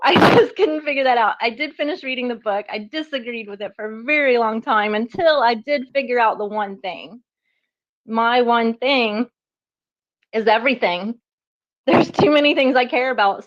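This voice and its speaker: A woman chatting as a guest artist on a live online audio show, animated and self-deprecating, laughing often and a bit out of breath. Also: a little high, muffled recording. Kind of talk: casual chat on a live audio space.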